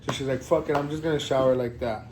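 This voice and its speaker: Profane, animated young man telling a story. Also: medium pitch, fast talker, background noise. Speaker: vlogger. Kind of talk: casual storytelling vlog.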